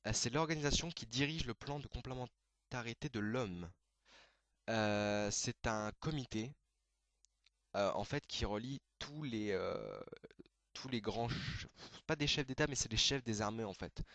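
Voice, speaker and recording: A man hosting a casual anime video, explaining terms in a hesitant way, full of fillers and quick self-corrections. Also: fairly low pitch, fairly bright tone, no echo.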